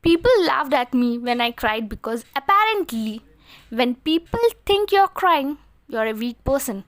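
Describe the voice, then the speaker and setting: High-voiced earnest woman giving motivation. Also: very animated, a little slow. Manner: earnest, emphatic, asks many rhetorical questions. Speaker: motivational speaker. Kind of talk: motivational talk to camera.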